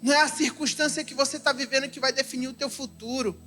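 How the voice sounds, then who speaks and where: A young Brazilian man preaching in church with a high, bright, ringing voice. He moves between fervent outbursts and hushed, confiding stretches. Soft music plays quietly behind him. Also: fairly even intonation, fast. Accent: Brazilian Portuguese. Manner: fervent, shifting between loud exclaiming and soft confiding, calls listeners "irmão". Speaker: evangelist preacher. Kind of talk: emotional sermon with personal testimony. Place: church service.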